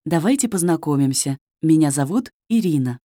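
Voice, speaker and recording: A woman with a low, mellow, animated voice reads at a moderate pace, playing a friendly, polite adult journalist in a scripted textbook dialogue for a listening test. She reads evenly and carefully, and the studio recording is clean with no room sound.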